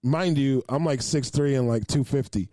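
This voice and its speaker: A young man co-hosting a casual podcast, telling stories with lots of swearing and quick asides. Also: medium pitch, no echo, studio quality. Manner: animated storyteller, swears freely. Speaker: podcast co-host. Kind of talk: casual chat.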